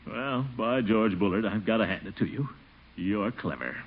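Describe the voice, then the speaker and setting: An actor playing a blustering, excitable middle-aged neighbor in theatrical 1940s radio comedy style, easily exasperated, with sputters and chuckles. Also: male voice, on the low side, moderate pace, close to an everyday voice. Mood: defeated. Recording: muffled, noisy old-time radio recording.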